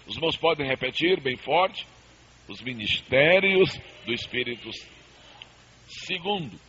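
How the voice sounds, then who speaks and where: A male pastor with a somewhat high, sharp voice preaches a Bible seminar to his congregation, emphatic and calling for amens and repeated responses. The audio comes from a worn, muffled old cassette copy full of hiss.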